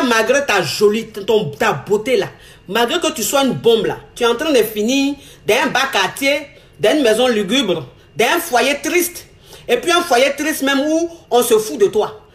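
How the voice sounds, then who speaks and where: A woman delivers a lecturing monologue aimed at other women. She scolds and repeats her points, pressing each one with rhetorical questions. Her voice sits a little high.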